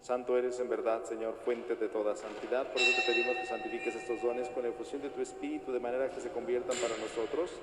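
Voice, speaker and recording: Priest praying in cathedral-like echo. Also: male voice, medium pitch, little pitch movement. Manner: solemn, formal, measured recitation. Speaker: priest celebrating Mass. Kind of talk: liturgical prayer at Mass. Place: large reverberant church interior. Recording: echoey church hall, long reverb, noisy.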